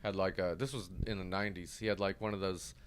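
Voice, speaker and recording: A middle-aged man in casual podcast chat, telling stories with animated quoted voices. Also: sits low, quick pace, slight background noise. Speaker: podcast co-host.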